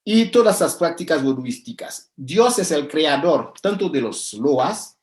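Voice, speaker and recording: A man lecturing over slides in a fairly high voice, talking his way through ideas with frequent "eh" and restarts. The sound carries a noticeable room echo. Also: lively intonation, unhurried. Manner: hesitant, many fillers and restarts, explanatory. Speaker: lecturer on religion. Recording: echoey room.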